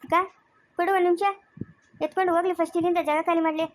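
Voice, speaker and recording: A woman acting a stern, sharp-tongued lady of the house who refuses to hand over the baby, with a Chikkaballapur Kannada accent, in an amateur family drama. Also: very high voice, level tone, rapid-fire. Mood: scolding. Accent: Kannada of Chikkaballapur area. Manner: scolding, commanding, sharp-tongued.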